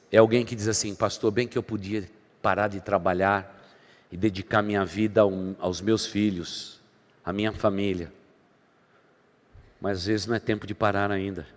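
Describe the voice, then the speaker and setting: Pastor preaching in an echoing church. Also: male voice, lowish voice. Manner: dramatic preaching, swinging between loud emphasis and soft asides. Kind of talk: sermon. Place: church sanctuary. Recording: long hall reverb from church.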